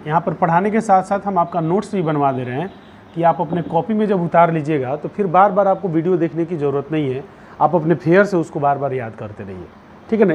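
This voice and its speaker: A man teaching a Hindi grammar lesson. He dictates notes slowly, repeats each phrase and puts questions to the pupils. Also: fairly high pitch, darkish tone. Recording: dull lo-fi sound with faint background noise.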